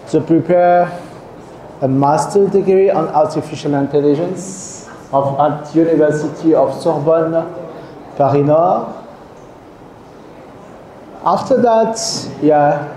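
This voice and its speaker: A warm, slightly high voice belongs to a middle-aged guest professor from Algeria delivering a seminar lecture. Heard in an echoing hall with a faint hum, he keeps checking in with the students and often repeats or restarts what he's saying.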